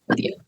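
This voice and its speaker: Chatty young woman from Alabama. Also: a bit bright. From Huntsville, Alabama. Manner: chatty storyteller, quick asides, many fillers. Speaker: guest. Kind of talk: casual interview chat.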